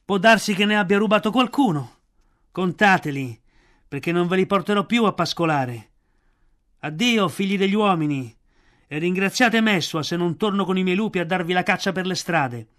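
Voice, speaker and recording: A man's voice: sits high, moderate pace, voice pushed up, lightly acted. A man voicing a proud, defiant young man raised among wolves, in an audiobook.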